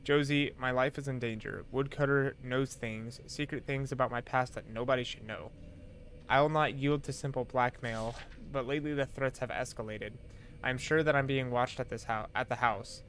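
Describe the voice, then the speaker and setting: A frightened researcher's urgent warning letter, read aloud by a man in a mid-pitched, plain voice. The tone is earnest and pressing, with a faint hiss of noise behind it. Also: fairly even intonation, normal speed, a bit bright, close to an everyday voice.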